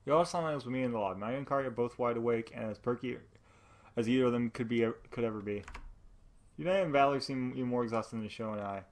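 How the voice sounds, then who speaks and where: A man's voice: medium pitch, fast. Joking man reading a game aloud. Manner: laughs often, jokes, stumbles over words while reading. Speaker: let's play host. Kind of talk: reading a visual novel aloud with commentary.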